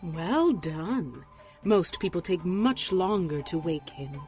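An actress playing an imperious, curt mystic seer in an audio drama, with a haughty, theatrical and deadpan delivery. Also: female voice, on the low side, slow pace, soft background music. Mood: dry, haughty.

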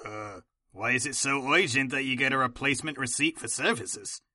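A man's voice: mid-range voice, normal speed, sharp tone, no room sound, studio quality. An actor playing a chatty, affable male officer of a henchmen's union in a comedic audio drama.

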